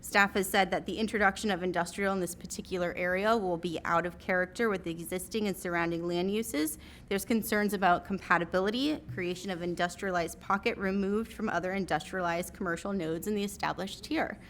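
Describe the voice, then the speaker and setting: This woman has a fairly low voice and delivers a formal public comment to a county commission. She speaks at a podium mic, measured and earnest, with the occasional restart. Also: steady tone, a little hiss or hum.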